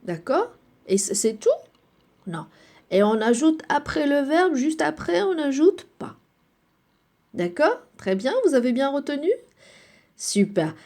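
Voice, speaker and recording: A woman teacher giving a grammar lesson to children, slow and patient, repeating and checking with the class. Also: high voice, sing-song, darkish tone.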